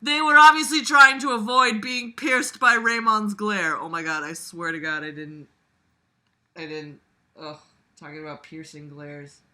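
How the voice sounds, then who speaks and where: Reading a book aloud in a medium-pitched, steady, somewhat slow voice, pushed and bright, a woman tears into it casually. Her critique is blunt, sweary and exasperated, laced with sarcasm.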